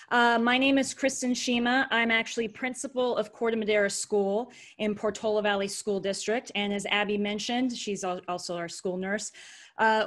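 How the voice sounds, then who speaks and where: Friendly school principal on a video call. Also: female voice, mid-range voice. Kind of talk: panel remarks on a video call.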